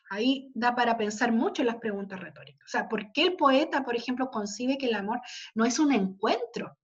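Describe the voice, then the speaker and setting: Woman, literature teacher, bright high voice, slightly muffled lo-fi sound, keeps checking the class follows. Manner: explanatory, peppered with "¿ya?" and "¿cierto?" checks. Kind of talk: online class lecture. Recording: slightly dull lo-fi audio.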